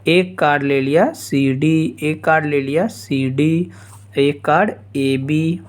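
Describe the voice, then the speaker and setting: Man, math teacher, slow unhurried delivery, repeats lines, casual asides. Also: fairly high pitch, fairly even intonation. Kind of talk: informal geometry lesson.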